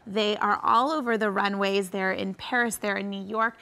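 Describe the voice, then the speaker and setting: A woman's voice: mid-range voice, fairly even intonation, normal speed, vocal fry, sharp tone. An American woman in her thirties or forties giving a chatty product demonstration on a home shopping show in a studio.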